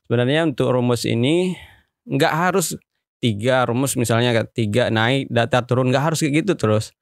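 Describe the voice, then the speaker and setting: Relaxed man teaching casually. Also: medium pitch, moderate pace, no echo, clean studio sound. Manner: relaxed, plain, speaks to viewers as friends. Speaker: recitation teacher. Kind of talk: casual tutorial explanation.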